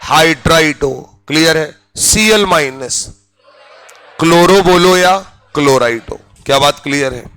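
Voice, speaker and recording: A man's voice: a little high, unhurried, fairly bright tone, clean tone, low-quality recording. A man teaching a chemistry class in Hindi, drilling students with repeated check-in questions and spelling out each term. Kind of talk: classroom lecture.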